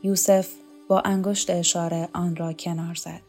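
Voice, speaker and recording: A woman narrating a novel as an audiobook, in a calm, measured way. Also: on the low side, faint music behind.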